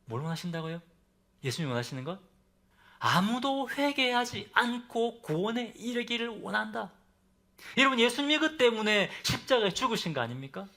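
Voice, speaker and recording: A man preaching a Sunday sermon as pastor. He asks the congregation questions and ends phrases softly for emphasis. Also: sing-song, normal speed. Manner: drops to soft, low endings for emphasis.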